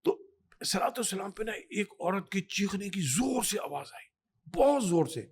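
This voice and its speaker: Imam guy preaching in a podcast, a bit high-pitched, insistent and storytelling. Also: sing-song, breathy edge. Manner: emphatic, storytelling, exhorting. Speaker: imam and guest scholar. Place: Canada.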